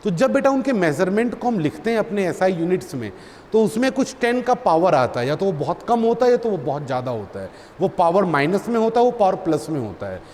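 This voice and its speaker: High-voiced male physics teacher drilling students. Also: very animated, a little fast, darkish tone. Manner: addresses students as "beta", repeats terms for drilling. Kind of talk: classroom lecture. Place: classroom. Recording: long reverb, faint background noise.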